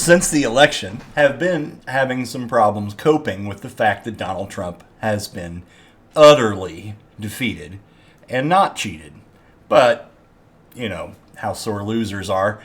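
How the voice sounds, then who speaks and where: A man's voice: on the low side, lively intonation, measured pace. A man hosting a political commentary show, ranting in a mocking, gleeful and profane way.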